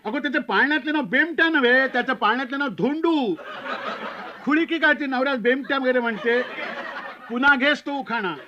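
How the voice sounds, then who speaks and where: A man voicing a loud, blunt old bachelor uncle who shouts and scolds in front of guests. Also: high-pitched, normal speed, few pauses, lo-fi sound, noisy background, close to an everyday voice. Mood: scornful.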